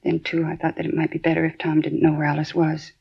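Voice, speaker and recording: An actress plays an anxious middle-aged housewife questioned by police, recounting what she knows in earnest, worried 1950s radio drama style. The exaggerated voice is deep, gravelly and husky, delivered fast and completely flat, over a dull 1950s broadcast recording.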